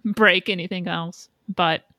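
A woman's voice: on the low side, steady tone, slow, sharp tone, dry recording, studio quality. A woman chatting casually as a podcast co-host, blunt and opinionated with casual swearing. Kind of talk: casual fan chat.

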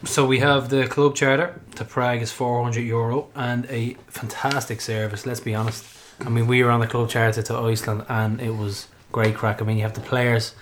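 A man's voice: medium pitch, little pitch movement, normal speed, hardly any pauses, a little hiss or hum. An Irish man hosting a football fan podcast in a casual, chatty, joking and colloquial way. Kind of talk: casual chat.

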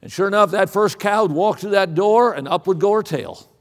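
A man delivers a sermon in a high-pitched voice that rings through a large reverberant hall. His delivery is emphatic and folksy, leaning on repetition and plainspoken storytelling. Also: a little fast. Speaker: preacher. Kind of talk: sermon with dramatic pauses and repetition.

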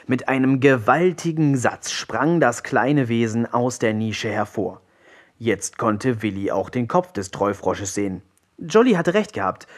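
Man reading a children's storybook. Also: fairly low pitch. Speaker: audiobook narrator. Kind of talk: storybook narration.

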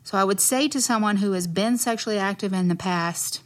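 A woman's voice: mid-range voice, brisk. A woman with a West Texas accent speaking as a nurse guest in an interview, explaining earnestly and choosing her words carefully.

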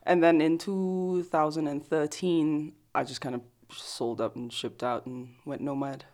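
A Singaporean photographer in her thirties, whose accent blends Singaporean and Australian, talks about herself as a guest in a casual conversational interview. Her voice sits low and her pace is measured; she's thoughtful and self-deprecating, often restarting phrases, recorded on a close desk mic.

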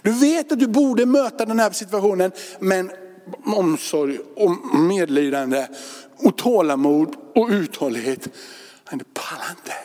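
A man's voice: sits high, animated, mellow. A male pastor giving a sermon in an informal, conversational way, with loose fillers and repeated words. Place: church sanctuary. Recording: reverberant church hall.

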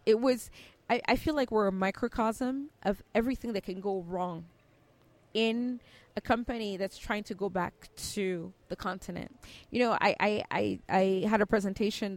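A middle-aged woman from Cameroon talks through a hard business experience in an interview. Her voice sits at a medium pitch. She speaks earnestly, stumbling and restarting often. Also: no room sound. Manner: earnest, many restarts and fillers. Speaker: company founder. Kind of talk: interview answer.

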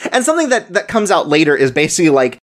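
Casual podcast co-host, rambling, filler-heavy, laughs a lot, mid pitch. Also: very animated, quick pace. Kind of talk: casual chat.

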